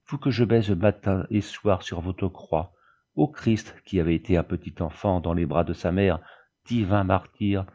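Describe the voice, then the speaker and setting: A man's voice: lowish voice, warm tone, highs cut off. A man reading the part of a grieving old peasant widow who pleads in fervent prayer.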